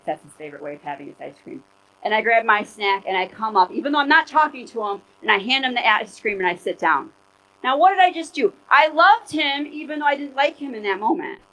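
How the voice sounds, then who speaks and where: A woman's voice: on the low side, rough recording. Woman pastor preaching conversationally. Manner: conversational, animated preaching with personal stories. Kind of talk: sermon. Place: church.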